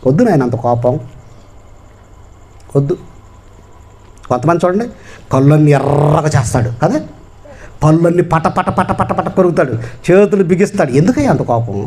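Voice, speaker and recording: A man's voice: a little high, animated, normal speed, long pauses, a little mellow. A man preaching a sermon with a Telugu accent, emphatic and repetitive. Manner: emphatic preaching with repeated phrases. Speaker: pastor.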